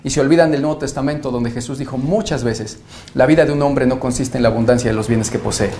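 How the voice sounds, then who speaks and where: A man's voice: mid-range voice, fast, warm tone. Pastor guy, earnest and emphatic, quotes scripture a lot, faint background hiss. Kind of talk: interview answer, preaching.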